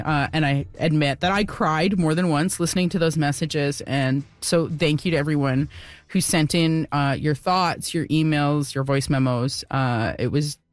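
A woman's voice: low-pitched, no room sound. A woman hosting a podcast interview, talking casually with many fillers. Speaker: podcast host.

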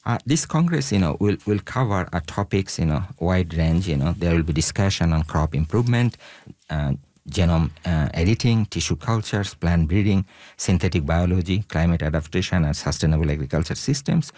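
A man from Bangladesh, a researcher guest on a radio interview, speaking haltingly with many fillers. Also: low voice, lively intonation, a little mellow, dry recording.

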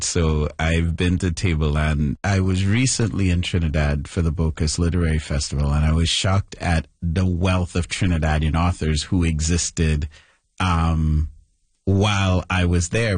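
A man's voice: low-pitched, darkish tone, dry recording. A man hosting an interview, responding with enthusiasm and giving short hums of agreement while the guest talks.

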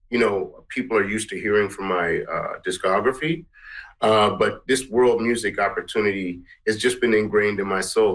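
An earnest middle-aged musician and composer from Guyana gives interview answers in a lowish, slightly bright voice, captured on poor audio. He rambles and restarts often.

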